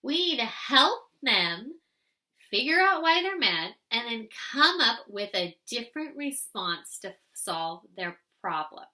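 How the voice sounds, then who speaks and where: A woman giving parenting advice in an animated way, asking rhetorical questions and acting out parent and child. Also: on the high side, takes it slowly. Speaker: parenting educator.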